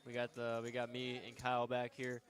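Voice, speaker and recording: A man's voice: mid-range voice, monotone, a little fast. A young man casually commentating a poker game on a stream, joking and rambling with fillers.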